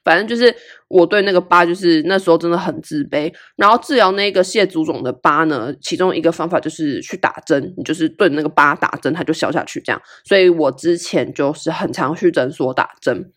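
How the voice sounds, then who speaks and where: A young woman, hosting a podcast and telling a personal story in a candid, casual way. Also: brisk. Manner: candid and animated, with big swings in pitch. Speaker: podcast host.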